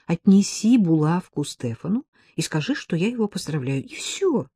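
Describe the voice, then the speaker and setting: A spoiled, impulsive young woman in an audiobook, coaxing and wheedling, her voice low and husky. A woman reads her part. The recording is dry and close. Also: big pitch swings, normal speed, warm tone, dry recording. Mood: pleading. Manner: pleading and coaxing, flares up defiantly.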